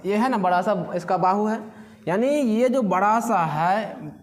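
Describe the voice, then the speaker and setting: A man's voice: sits high, measured pace. A man teaching a physics class, who keeps asking the students questions and then answers them himself.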